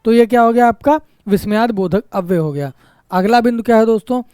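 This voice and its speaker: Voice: medium pitch, a little fast, a little mellow, clear, resonant tone, no echo, studio quality. A Hindi teacher giving an exam-prep grammar lesson who repeats each point, keeps asking the class "isn't it?" and acts out short exclamations as examples. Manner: repetitive, keeps asking "isn't it?" tag questions.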